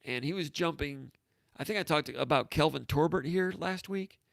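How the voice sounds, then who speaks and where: Male sports talk host, gravelly fry, rambling anecdotes, dry close sound. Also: on the high side, normal speed, fairly bright tone, no echo. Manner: rambling, anecdotal, with frequent restarts. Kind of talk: casual talk show storytelling.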